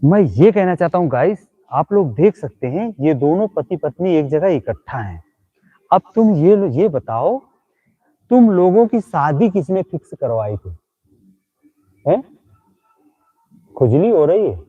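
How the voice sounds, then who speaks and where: A man hosts a comedy live stream, heaping teasing insults on ghosts he pretends are in front of him. His voice sits a little high. The sound is thin and tinny, like it's coming through a phone. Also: big pitch swings, measured pace. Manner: mocking, scolding, teasing insults. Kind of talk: comic live stream talking to imagined ghosts.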